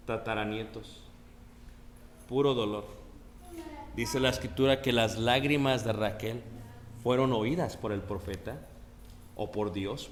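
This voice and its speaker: A man's voice: medium pitch, reverberant, long reverb tail, slight background noise. A man preaching a sermon in a conversational way, often asking the congregation questions. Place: church.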